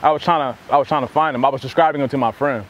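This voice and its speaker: Here a young American man, host of a hidden-camera prank show, fakes a casual phone call outdoors on a campus walkway using slang and profanity. His mid-range voice has fairly even intonation and he talks very fast, with a little hiss or hum in the audio.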